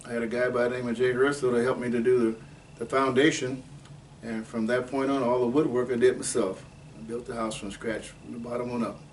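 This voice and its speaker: A man's voice: mid-range voice, level tone. Elderly man reminiscing, far from mic. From Ohio. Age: 80s. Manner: unhurried, rambling, with many fillers. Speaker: oral history interviewee. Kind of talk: unscripted life-story reminiscing. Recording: distant mic with faint background noise.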